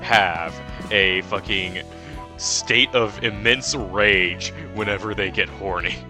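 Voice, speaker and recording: A man's voice: on the low side, takes it slowly, bright, forceful tone, soft background music. A man in casual chat, apologetic and swearing, with laughing asides. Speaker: co-host of a let's play.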